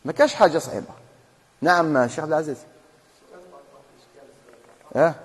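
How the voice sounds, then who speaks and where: A man's voice: a little high, fairly quick, long reverb tail. A man with an Algerian Arabic accent teaching a classroom lesson on Quran recitation rules. He quizzes his students and then answers his own questions. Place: mosque hall.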